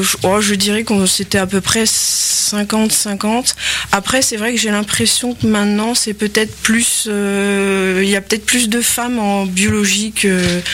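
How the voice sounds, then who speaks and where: A woman's voice: medium pitch, a bit bright, a little hiss or hum. A middle-aged woman from France, a university lecturer and researcher, answering interview questions in a hesitant way with many fillers and restarts.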